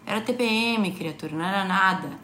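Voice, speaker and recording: A woman co-hosts a relaxed advice chat, spinning anecdotes with animated, playful energy. She sits at a home kitchen table, so the room rings a little around her voice. A faint household ambience sits underneath. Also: mid-range voice, quick pace, echoey room, a little hiss or hum. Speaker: podcast co-host.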